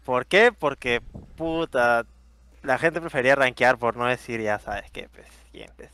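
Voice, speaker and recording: A man's voice: medium pitch, unhurried, pushed and bright, clean tone, no room sound. A man, a guest player answering hesitantly in casual chat.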